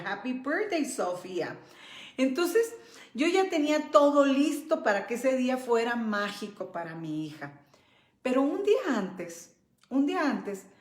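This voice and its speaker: Middle-aged woman host, fairly high voice, acts out quotes vividly, roomy echo. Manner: animated, acts out quoted voices of herself and her daughter. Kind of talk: personal storytelling talk.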